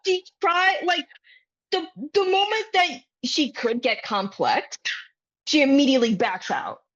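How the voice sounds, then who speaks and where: Higher-voiced woman on a dull lo-fi mic. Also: lively intonation, a little slow. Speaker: podcast co-host. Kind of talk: casual group discussion.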